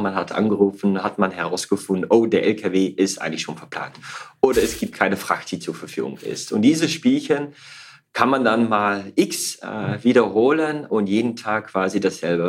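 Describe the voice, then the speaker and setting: A middle-aged man from Belgium, a podcast guest, explaining things at length with frequent filler sounds. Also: on the low side. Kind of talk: casual podcast interview.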